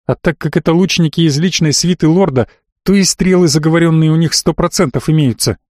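A man reading the part of a sharp-tongued young female mage in an audiobook, with curt, snappish delivery. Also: a little high, brisk, dry recording, studio quality, natural voice. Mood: explaining. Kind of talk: audiobook narration.

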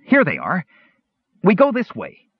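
A man voicing a small, excitable male kender trickster in a storybook reading, speaking high and eager. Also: measured pace, breathy edge, no echo, heavily acted. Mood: urgent. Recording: dull lo-fi audiobook recording.

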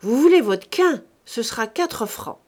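A woman voicing a blunt peasant well-digger man who haggles loudly and curtly in a storybook reading. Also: on the high side, animated, unhurried. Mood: gruff. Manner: loud, curt and haggling.

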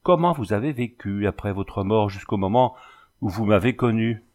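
A man's voice: on the low side, expressive, normal speed, darkish tone, natural voice. A man voicing an anxious, bookish young husband in a storybook reading, pressing with urgent questions. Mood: agitated.

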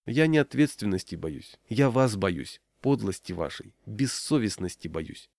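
Man doing a downtrodden loser, bitter and despairing, low voice. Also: big pitch swings, a little slow, creaky, darkish tone, no room sound, clean studio sound, exaggerated voice. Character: timid hapless middle-aged man, bitter.

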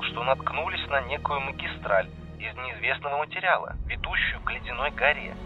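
A man voicing a flustered, unsure male polar radio operator, heard through a radio transceiver. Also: medium pitch. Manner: unsure, apologetic, eager to please. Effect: radio transceiver filter. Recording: tinny radio-line sound.

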